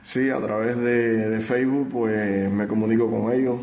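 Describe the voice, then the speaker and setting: A middle-aged Cuban man, an artist and art teacher, answering radio interview questions in a relaxed, hesitant way with frequent restarts. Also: on the low side, moderate pace. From Cuba. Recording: echoey room with long reverb.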